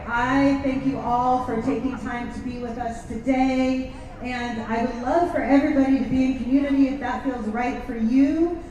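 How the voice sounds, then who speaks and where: A woman host addresses an outdoor gathering with grateful, encouraging announcements. Her voice is far off and very echoey, with a crowd clearly around her. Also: high-pitched. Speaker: rally host. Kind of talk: informal event announcements and thanks. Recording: echoey, distant mic, noisy outdoor crowd.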